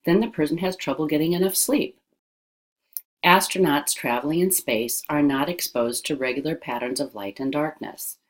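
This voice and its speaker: Reading an educational text aloud, a woman with a low voice follows her script like a narrator and enunciates with deliberate care. The recording quality is rough.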